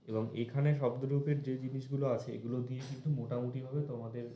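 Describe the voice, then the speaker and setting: A man's voice: medium pitch, little pitch movement, dark tone, reverberant, muffled recording, slight background noise. A man teaching a language lesson with a Bengali accent, patiently breaking words into syllables and repeating endings. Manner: slow, patient, spells out word endings syllable by syllable.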